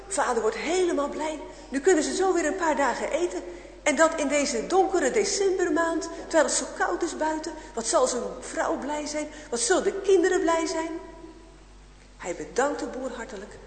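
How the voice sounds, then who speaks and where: A woman telling a children's story aloud, expressive, switching to hushed whispers for suspense and acting out the characters. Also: high-pitched. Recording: echoey hall with long reverb, faint hum.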